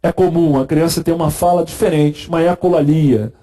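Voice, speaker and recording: Guy teaching med school stuff, chatty, warm mellow voice. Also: on the high side, steady tone, fairly quick. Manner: explanatory, conversational, with examples. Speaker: medical lecturer. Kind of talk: recorded medical lecture.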